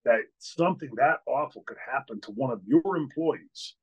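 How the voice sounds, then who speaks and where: This older host, once a wrestler, relates a candid story during an interview on a webcam video call from a hotel room, restarting often and using many fillers. His husky, mid-range voice is animated and moves at a moderate pace, and the recording quality is low.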